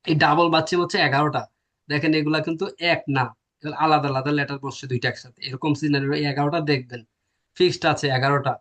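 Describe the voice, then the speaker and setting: Male teacher, a bit high-pitched, quizzes the class and answers himself. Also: steady tone, fast talker, fairly bright tone. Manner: explains step by step, asks and answers his own questions. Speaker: language teacher. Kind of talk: classroom lecture.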